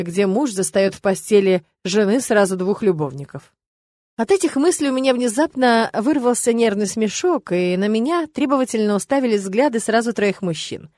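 A woman narrating a first-person story as an audiobook, lively and expressive. Her mid-pitched voice is recorded close and dry, with no room sound. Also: no room sound.

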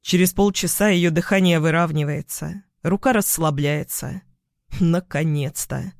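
A man narrating a story in the first person in a measured, steady way. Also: a little high, gravelly, no echo, clean studio sound.

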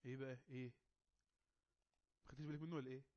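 A man with an Egyptian Arabic accent running an online English class, coaxing and teasing quiet students to speak up. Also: mid-range voice, little pitch movement, rapid-fire, lo-fi sound. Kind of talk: casual online class moderation.

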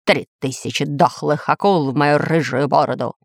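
A woman voicing a hot-tempered red-bearded pirate in a storybook reading, talking in a gruff, growling way. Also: extremely low pitch, a little slow, no echo, studio quality, voice pushed down, exaggerated voice. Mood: angry.

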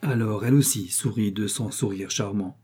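Give me a man narrating an audiobook, steady and unhurried, with a husky voice. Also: fairly low pitch. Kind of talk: scripted narration.

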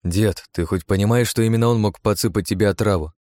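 A man's voice: on the low side, fast talker, a little mellow, natural voice. A man voicing a sarcastic young male hero in an audiobook, wry and matter-of-fact.

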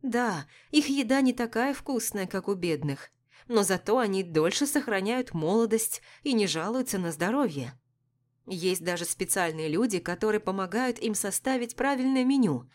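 Woman, audiobook narrator, first-person novel, even measured reading. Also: medium pitch.

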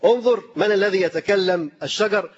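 A man's voice: high-pitched, brisk, husky, muffled recording. A man with an Egyptian accent preaching a sermon in an impassioned way, piling up rhetorical questions and repeating his phrases. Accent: Egyptian Arabic.

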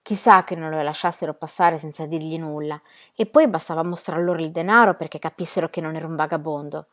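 A woman reading a novel aloud in a steady, measured way. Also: sits low. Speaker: reader.

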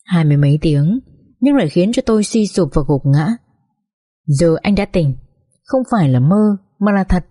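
A woman narrating an emotional first-person story in a soft, heartfelt way. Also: fairly low pitch. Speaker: audiobook narrator.

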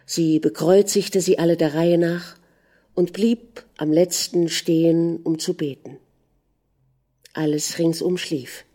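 Audiobook narrator: woman, low and warm, calm measured delivery. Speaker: audiobook reader. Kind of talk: scripted narration.

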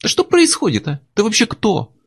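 A man's voice: medium pitch, big pitch swings, a little fast, breathy edge, pitched above the performer's own voice. A man voicing a menacing armed male criminal who talks in a coarse, sneering, threatening way. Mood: suspicious, hostile.

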